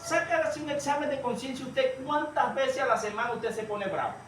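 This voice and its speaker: A man preaching a sermon, telling a story and addressing listeners as brother, sometimes rising to a shout. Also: extremely high pitch, moderate pace. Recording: echoey room, far from the mic, light noise.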